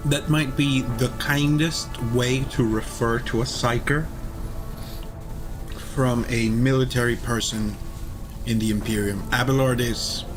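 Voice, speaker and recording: A man's voice: medium pitch, steady tone, measured pace. A man hosting a game playthrough, chatting casually in a playful, rambling, sweary way with game music behind him. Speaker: video game playthrough host. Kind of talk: casual gameplay commentary.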